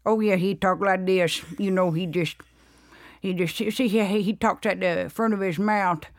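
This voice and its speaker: A woman's voice: medium pitch, fairly even intonation, moderate pace, dry recording, studio quality, lightly acted. A woman voicing a male death row inmate with a drawl, mumbling his words from the front of his mouth. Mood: rambling.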